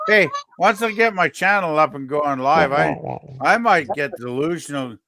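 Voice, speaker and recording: Male co-host, sarcastic banter, lively pitch, bright tone. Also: moderate pace. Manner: sarcastic and animated, joking banter. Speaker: podcast co-host. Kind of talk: casual live-stream chat.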